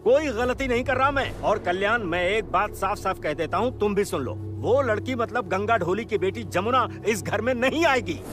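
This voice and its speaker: A high-pitched, bossy landowner barks commands and bristles at every slight. He plays the master of the house in a TV serial, with soft music behind him. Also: animated, normal speed, few pauses. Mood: indignant. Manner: shouting, bossy and indignant. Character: proud short-tempered landowner, master of the house. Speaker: head of the household.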